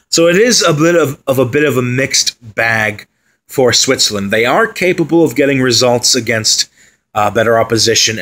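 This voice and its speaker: A football pundit, a man with a medium-pitched and slightly bright voice, previews a team in casual solo commentary. He keeps it conversational, dropping in fillers and asides as he goes.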